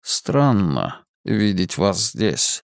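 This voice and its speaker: Hidden masked man, a man voicing him, hushed, unhurried, lowered voice, dry close recording. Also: sing-song, gravelly, dry recording, heavily acted. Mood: calm. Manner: slow, quiet, measured. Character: mysterious masked man hidden in darkness, calm.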